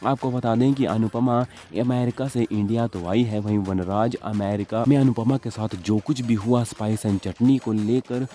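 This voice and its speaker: Over background music, a man with a fairly low, mellow voice narrates a scripted voice-over of soap spoilers for a TV serial gossip channel. In the style of TV gossip news, he repeats points to build suspense as he recaps.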